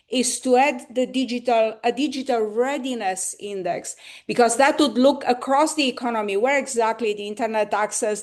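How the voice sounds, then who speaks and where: A woman panel speaker giving formal, explanatory remarks in a measured way. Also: a little high.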